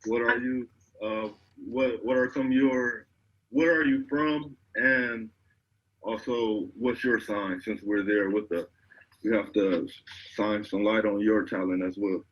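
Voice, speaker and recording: A man's voice: lowish voice, fairly even intonation, unhurried, lo-fi sound. A man from Ohio hosting a radio interview, asking rambling, stop-start questions. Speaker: radio host.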